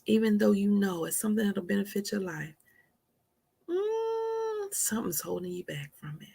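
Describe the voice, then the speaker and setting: A woman hosting a motivational live stream, dropping to soft whispers for emphasis and calling listeners honey. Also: mid-range voice, steady tone, fast, creaky, slight background noise.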